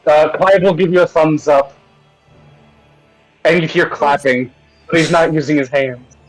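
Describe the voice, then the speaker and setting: A man's voice: on the high side, fairly even intonation, a little slow, rough recording. A man playing a tabletop game, chatting casually, hesitantly thinking aloud and joking. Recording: music playing behind. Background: background music.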